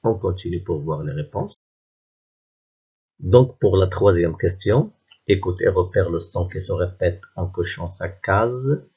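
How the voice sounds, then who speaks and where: A man teaching a reading lesson to young pupils, patient and pronouncing each word slowly one by one. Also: deep voice, animated, darkish tone, breathy edge, lo-fi sound. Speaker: primary school teacher.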